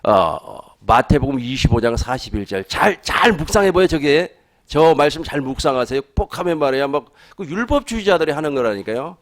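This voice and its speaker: A male pastor preaching with a voice that rises and falls in lively swings. His voice sits fairly high, and he keeps putting questions to the congregation and chuckling along the way. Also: fairly quick. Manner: animated, asks the congregation questions. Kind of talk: sermon.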